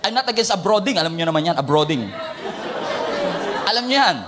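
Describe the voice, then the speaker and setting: A man, a pastor preaching a sermon in a mix of Tagalog and English, swinging from shouted points to low joking asides. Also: expressive, fairly quick, some chatter behind.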